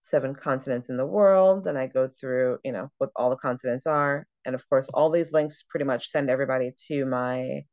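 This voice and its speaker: A woman who trains travel agents, giving a chatty screen-share walkthrough of software and thinking aloud as she clicks through it. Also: extremely low pitch, a little fast, few pauses, dry recording, muffled recording.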